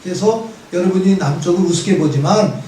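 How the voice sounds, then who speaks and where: A man's voice: high-pitched, fairly quick, a little hiss or hum. A man in his seventies, a priest giving a conversational Bible lecture, telling stories with wry humor in a church hall. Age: 70s. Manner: lively storytelling with wry humor. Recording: very echoey church hall from far off.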